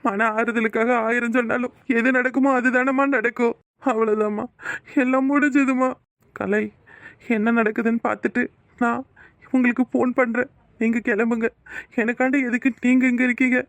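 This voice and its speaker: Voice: medium pitch, little pitch movement, moderate pace, fairly bright tone, no echo, close to an everyday voice. A performer voicing a grieving young policeman husband in a cartoon, despairing and resigned. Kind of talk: cartoon voice acting.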